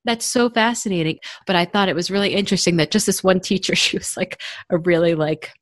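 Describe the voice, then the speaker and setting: Chatty low-voiced woman, dry sound. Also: steady tone, quick pace, no room sound. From United States. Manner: chatty, lots of fillers and laughter. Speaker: podcast co-host. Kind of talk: casual chat.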